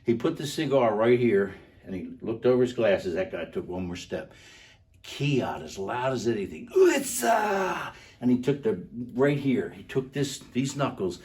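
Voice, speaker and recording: A man's voice: lowish voice, expressive, moderate pace, darkish tone, far from the mic. An older man co-hosting a show, animatedly telling a self-defense story and demonstrating moves, laughing often. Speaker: co-host, karate instructor.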